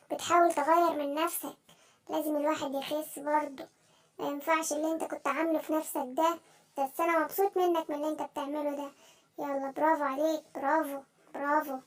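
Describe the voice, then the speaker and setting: A woman voicing an encouraging cartoon animal friend with an Egyptian Arabic accent, coaxing and cheering softly. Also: high-pitched, lightly acted. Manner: coaxing, cheering, softer and gentler. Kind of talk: children's cartoon voice acting.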